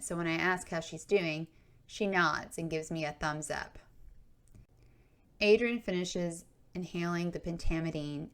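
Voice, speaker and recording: A woman narrating her own memoir in a steady, earnest way. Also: fairly low pitch.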